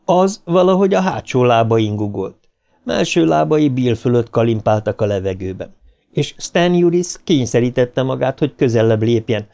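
A man's voice: medium pitch, lively intonation, creaky, warm tone. A man narrating an audiobook in a tense, dramatic reading style.

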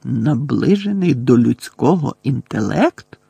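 A man voicing a proud, hostile male centaur who speaks slowly, gruffly and menacingly, in an audiobook. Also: medium pitch, expressive, warm tone, no room sound, heavily acted. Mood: gruff, offended.

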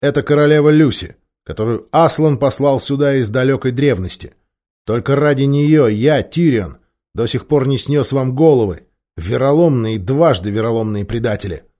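A man's voice: medium pitch, moderate pace, dark tone, lightly acted. A man reading as a stern, proud king in a storybook, commanding and severe. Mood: stern, angry.

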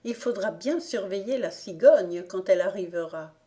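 A woman's voice: medium pitch, moderate pace, warm tone, lightly acted. A woman voicing a sensible little girl who speaks in a matter-of-fact way. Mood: calm.

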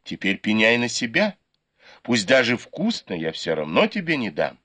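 A man reading the part of a stubborn, sharp-tongued young maid in a storybook. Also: lowish voice, wildly swooping pitch, normal speed, exaggerated voice. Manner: scolding, curt.

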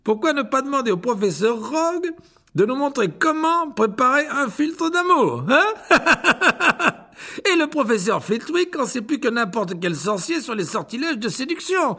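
A man's voice: very high voice, big pitch swings, normal speed, pushed and bright, voice pushed up, full character voice. A man voicing a vain, flamboyant male wizard teacher who exclaims theatrically and laughs at his own jokes, in an audiobook reading. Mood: showy.

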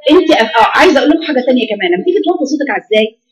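An Egyptian woman runs a recitation class for girls, talking quickly in a slightly high voice. She corrects students as she goes and repeats single words slowly until they come out right. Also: lively intonation, poor audio. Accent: Egyptian Arabic. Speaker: Quran recitation teacher.

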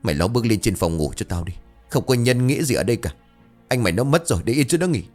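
A man's voice: mid-range voice, animated, fast, darkish tone, faint music behind, natural voice. A man voicing a stern, skeptical middle-aged father who scolds and dismisses talk of ghosts, in a narrated ghost story. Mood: scolding.

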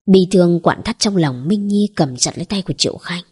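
A woman narrating a romance novel as an audiobook in a measured, dramatic reading. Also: fairly low pitch, animated, darkish tone, breathy edge. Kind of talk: scripted story narration.

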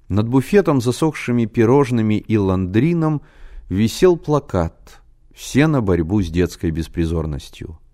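A man reading a novel aloud as narrator, in an expressive storytelling manner. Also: lowish voice. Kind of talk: scripted narration.

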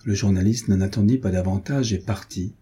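Dark-voiced man reading a novel aloud. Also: fairly low pitch, fairly quick, husky. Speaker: audiobook reader. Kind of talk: scripted narration of a novel.

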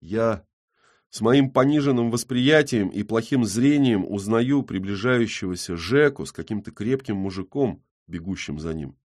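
Low-voiced man narrating an audiobook. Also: expressive, moderate pace, hardly any pauses. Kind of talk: first-person audiobook narration.

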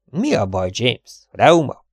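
A man voicing a brisk, kind-hearted country vet with a gruff, hurried manner of talking. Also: mid-range voice, huge pitch swings, a little mellow, no echo, clean studio sound, pitched above the performer's own voice. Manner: gruff and hurried, often dropping to a furtive whisper.

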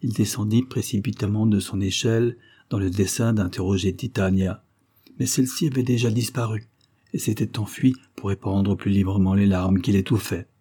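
Guy reading a novel aloud, calm steady pace, dark husky voice. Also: on the low side, moderate pace. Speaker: audiobook reader. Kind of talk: scripted narration of a historical novella.

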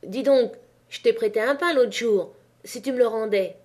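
A woman's voice: on the high side, normal speed, a little mellow, lightly acted. Woman voicing a fierce, desperate miner's mother. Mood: blunt. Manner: fierce, blunt.

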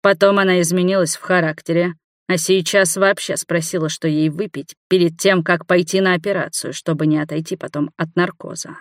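A woman's voice: fairly low pitch, fairly even intonation, brisk, no echo, studio quality, lightly acted. A woman voicing an agitated male doctor who fires off heated, almost hysterical questions.

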